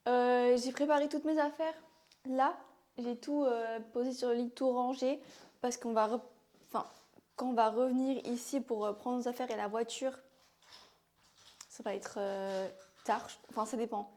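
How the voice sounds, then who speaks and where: A young woman with a regional French accent chatting casually in a vlog, rambling and filling pauses with "euh". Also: a little high, steady tone, darkish tone. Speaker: vlogger.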